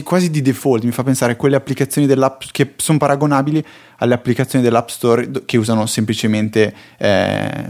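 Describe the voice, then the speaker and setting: A man's voice: mid-range voice, gravelly. A man hosting a laid-back tech podcast in an ordinary mid-range voice. He asks his guest questions and muses aloud, dropping casual fillers as he goes.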